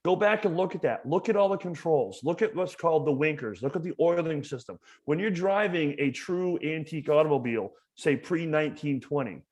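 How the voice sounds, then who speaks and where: On a podcast, a museum educator from Maine talks in a casual interview with a voice on the high side and a darkish tone. He's animated and fairly quick, hardly pausing, and his passionate, emphatic style has him repeating words as he works up to a point.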